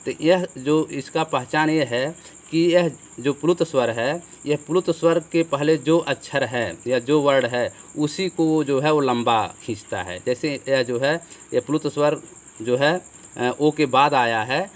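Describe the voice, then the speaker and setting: A man's voice: medium pitch, unhurried. A man teaching Hindi grammar as a classroom lesson, explaining step by step, asking questions and answering them himself. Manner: explanatory, repeats with "ठीक है" and rhetorical questions.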